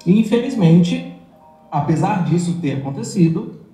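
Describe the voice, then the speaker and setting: A man recounting his own experiences in a measured, step-by-step way, heard from a played clip. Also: high voice, lively intonation, mellow, soft background music. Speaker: interviewee telling of his life abroad. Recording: echoey room, played clip.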